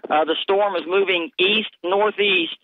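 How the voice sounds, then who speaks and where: A man giving a live field report as a storm tracker over a phone or radio link, halting and restating phrases. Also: high-pitched, fairly even intonation, phone-quality sound.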